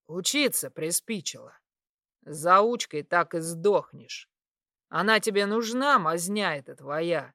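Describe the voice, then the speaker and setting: A woman's voice: fairly low pitch, animated, takes it slowly, pushed and bright, no echo, clean studio sound, voice pushed down, full character voice. Woman voicing a sneering brute of a satyr. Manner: sneering, taunting, menacing. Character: brutish young male satyr, cruel and mocking.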